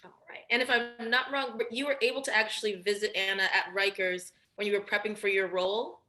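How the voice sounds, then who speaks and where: A woman's voice: medium pitch, fairly even intonation, fairly quick, bright, forceful tone. A woman interviewing actors at a press junket, asking questions in an upbeat, complimentary way. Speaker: entertainment interviewer.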